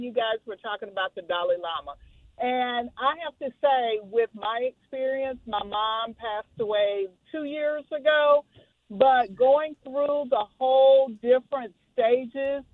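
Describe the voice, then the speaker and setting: A woman's voice: high-pitched, dry recording. Woman caller on a phone line. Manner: candid, conversational storytelling.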